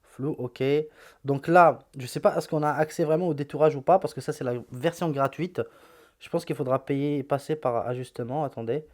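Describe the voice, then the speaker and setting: A man's voice: on the high side, moderate pace, darkish tone. A tech YouTuber walking through the apps on his phone in a chatty, blunt, slangy way, often repeating words. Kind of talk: casual phone app walkthrough.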